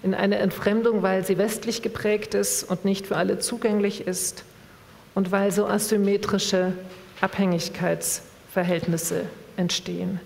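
A woman reading from a novel in a measured, expressive way, then asking an author a question at a public reading event. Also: mid-range voice, gravelly. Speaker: reader and moderator. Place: event hall. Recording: long reverb of a hall.

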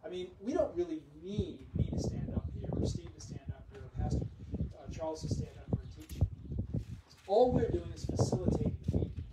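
A pastor preaching a camp meeting sermon, alternating loud emphatic declarations with quiet, confiding asides to the audience. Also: male voice, sits high, sing-song, fairly quick. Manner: conversational, with frequent asides to the audience. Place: large hall or tent at a camp meeting. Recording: echoey, noisy room recording from a distance.

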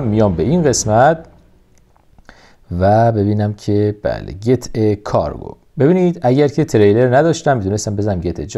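A man giving casual, excited commentary over a mobile truck game, coaxing the truck along. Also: medium pitch. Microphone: phone recording.

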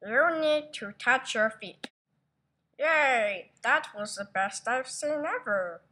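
A woman's voice: sits high, animated, takes it slowly, bright, forceful tone, exaggerated voice. A woman voicing a bossy droid gym teacher who leads a class in a homemade toy video. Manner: bossy, sing-song, drawn out.

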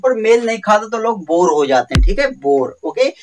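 A man's voice: high-pitched, very animated, normal speed, far from the mic, a little hiss or hum, rough recording. A man teaching a general-knowledge exam lesson, explaining memory tricks with repetitive, sing-song emphasis and calling his viewers friends. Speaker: quiz teacher.

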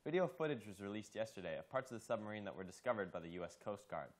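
Fast, low-pitched teen boy reporting news. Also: sing-song. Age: teens.

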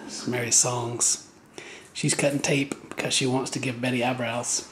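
A man filming and narrating a playful home video, animated and teasing. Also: mid-range voice, moderate pace, roomy sound. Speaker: camera operator and narrator. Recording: home video with loud background noise.

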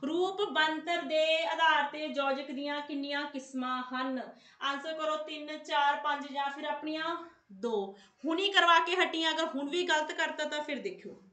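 High, bright-voiced Punjabi woman teacher, insistent. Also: normal speed. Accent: Indian Punjabi. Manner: insistent, repeats prompts and phrases; scolds and coaxes pupils familiarly. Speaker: online exam coaching teacher. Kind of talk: live quiz lesson with chatty asides. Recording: echoey room sound.

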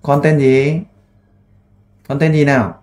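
A man who works as a volunteer interviewer. He asks gentle, coaxing questions and makes an earnest appeal with frequent fillers. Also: fairly high pitch, fairly even intonation, slow pace. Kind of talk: on-the-spot interview and appeal to camera.

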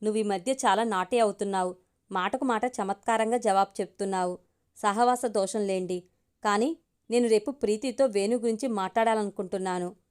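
A woman's voice: mid-range voice, brisk, darkish tone, smooth, close to an everyday voice. A woman voicing a playful husband who speaks in a light, teasing way.

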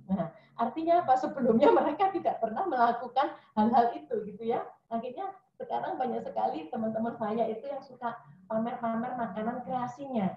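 A woman's voice: on the high side, a little fast. A woman educator giving a chatty parenting webinar talk to mothers, with many fillers. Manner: chatty, addresses listeners as Bunda, many fillers. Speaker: early childhood educator speaking to parents. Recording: dull, echoey room audio.

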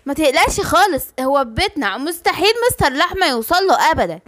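A woman voicing a calm mother lioness in a cartoon, with an Egyptian accent and a soothing, reassuring way of talking. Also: high voice, fast talker, no echo, clean studio sound. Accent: Egyptian Arabic. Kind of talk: cartoon bedtime story voicing.

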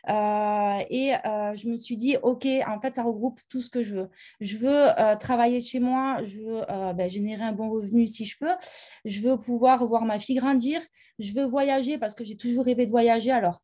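A woman's voice: a little high, dark tone. A young woman from France giving a personal testimony, talking with lots of hesitant fillers. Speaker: company ambassador. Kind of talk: personal testimony on a live show.

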